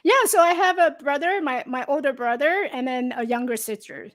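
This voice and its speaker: High-voiced woman from Taiwan, lively guest. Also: fairly quick. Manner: animated, laughs often, simple non-native grammar. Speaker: podcast guest, storyteller. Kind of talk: casual interview chat.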